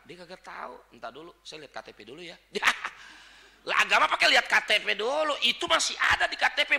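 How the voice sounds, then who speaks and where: Betawi male preacher, high, sharp bright tone, humorous sermon with loud bursts. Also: vocal fry. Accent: Betawi Jakarta. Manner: jokey, swings between quiet asides and shouted points. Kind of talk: Sunday dawn sermon.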